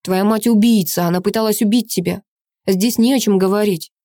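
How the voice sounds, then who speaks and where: A woman's voice: mid-range voice, fairly even intonation, a little fast, mellow, no room sound, clean studio sound, natural voice. A woman narrator voicing a harsh, domineering middle-aged father who speaks with cold contempt.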